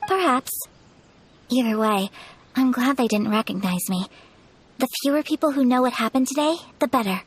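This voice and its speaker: Casting: courteous, refined young lady of a noble clan in a game, higher-pitched, earnest. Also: expressive, husky. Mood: polite. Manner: formal, measured, courteous. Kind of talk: video game character acting. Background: music.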